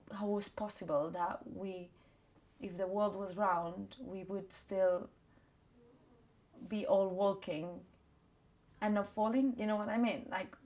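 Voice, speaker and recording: A woman's voice: medium pitch, darkish tone. Thoughtful woman recalling childhood wonder. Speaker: interviewee. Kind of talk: reminiscing about childhood.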